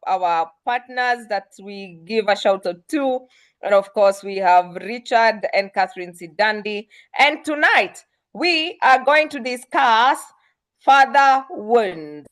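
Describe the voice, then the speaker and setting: A woman hosting an online talk over a video call, brisk and full of fillers. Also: mid-range voice. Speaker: host.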